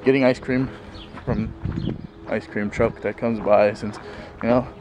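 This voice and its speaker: A man in his thirties, vlogging with a handheld camera at arm's length, rambles easily in a sunny backyard, chuckling and filling gaps with ums. His lowish voice keeps a fairly even intonation at a measured pace, over faint outdoor noise.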